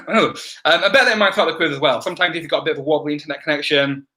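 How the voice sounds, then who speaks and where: A man hosting an online quiz rattles through live-stream housekeeping announcements very fast, giving chatty instructions full of ums. His voice sits on the high side, pushed and bright, a little crackly and throaty.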